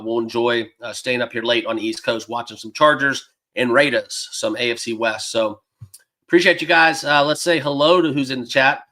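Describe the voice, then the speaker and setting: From a dedicated home studio room, a man hosts a sports betting livestream, greeting viewers by name and chatting loosely with lots of fillers. His mid-range, sharp voice is a bit hoarse because he is losing it.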